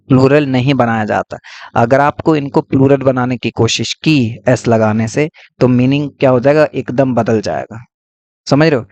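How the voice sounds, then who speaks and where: A man's voice: medium pitch, a little mellow, no echo, dull audio. A man teaching English grammar, explaining patiently and repeating key points with frequent checks. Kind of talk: classroom-style lesson.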